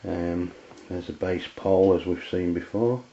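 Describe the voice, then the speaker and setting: Deep, dark and steady, this English man's voice carries an unscripted product demonstration for amateur radio, delivered haltingly in simple language. It was recorded through a dull, lo-fi camera microphone.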